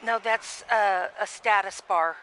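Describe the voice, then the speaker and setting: Bright-voiced woman calling simulated wrestling. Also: medium pitch, takes it slowly, slight background noise, poor audio. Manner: chatty, rambling, with frequent restarts and reading viewer comments aloud. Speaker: play-by-play commentator. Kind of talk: casual commentary on a simulated wrestling match.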